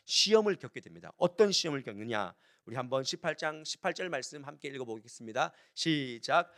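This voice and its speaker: A man's voice: mid-range voice, big pitch swings, a little fast, a bit bright. A man preaching a revival sermon, emphatic, repeating phrases and acting out quoted voices.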